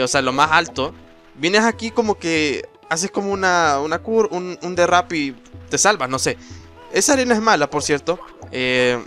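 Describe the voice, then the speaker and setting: Young guy w/ chatting thru a game, kinda high voice, game music under him. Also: sharp tone. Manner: chatty, rambling, exclaims and laughs at the game. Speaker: gameplay commentator. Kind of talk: casual let's-play commentary.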